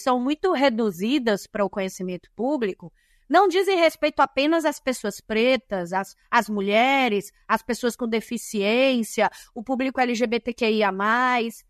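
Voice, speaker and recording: Guesting on a podcast interview, a woman with a Bahian Brazilian accent teaches about diversity and compliance in an emphatic way, laying out points one by one. Her voice sits on the high side and is animated, with a moderate pace and echo-free studio-quality sound.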